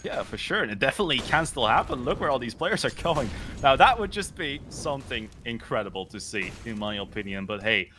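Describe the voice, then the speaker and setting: A man's voice: medium pitch, animated, brisk, hardly any pauses, sharp tone, slight background noise. A man with a Belgian accent giving live play-by-play esports commentary.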